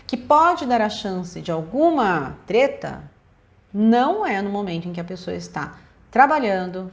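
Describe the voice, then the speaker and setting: Emphatic Brazilian woman psychologist. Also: medium pitch. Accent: Brazilian Portuguese. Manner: direct, emphatic, addresses viewers. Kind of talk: relationship advice talk.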